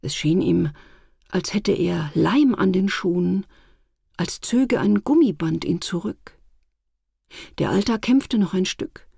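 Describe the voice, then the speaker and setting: A woman narrating a storybook with calm, measured storytelling in a husky, gravelly voice, recorded close and dry. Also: medium pitch, no echo. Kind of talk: storybook reading.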